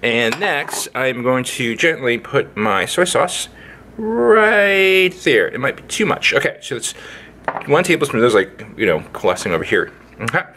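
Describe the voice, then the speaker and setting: A man's voice: mid-range voice, sing-song, unhurried, bright, forceful tone, a little hiss or hum. A man hosting a casual cooking video, talking playfully as he works in his kitchen with sing-song sound effects. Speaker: home cook, channel host. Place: indoor kitchen, overhead camera on hands.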